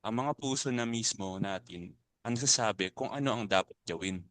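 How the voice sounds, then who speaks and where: A man with a Filipino accent and a lowish, fairly bright voice plays a principled, compassionate older club uncle in a dramatic reading, urging compassion over fear. His delivery is brisk, earnest, and firm, lightly acted on a dry recording.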